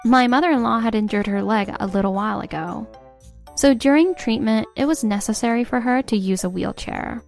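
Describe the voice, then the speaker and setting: An actress voices a fed-up young wife narrating her own scripted story, sounding exasperated and sarcastic over faint background music. Her voice is fairly high, creaky and darkish, delivered fairly quickly.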